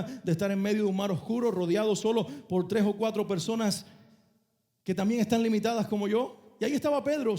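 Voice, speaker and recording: A male pastor preaching a sermon, telling a story with dramatic shifts between soft and loud delivery and asking the congregation to repeat phrases. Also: high-pitched.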